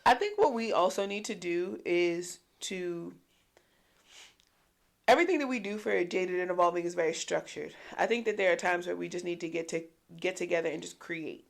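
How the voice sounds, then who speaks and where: Chatty, animated woman podcaster. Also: lowish voice, normal speed, gravelly. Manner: talkative, profane, slangy; animated, amplified on the show. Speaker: podcast co-host. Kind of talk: casual podcast chat.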